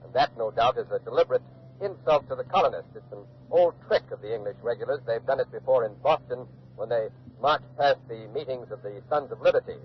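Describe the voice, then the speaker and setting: Playing an earnest field reporter at a colonial standoff in a 1940s radio docudrama, a man gives live news commentary in an articulate, eyewitness style, measured and observant. He speaks briskly at medium pitch, close to an everyday voice, on a dull old radio recording with hiss.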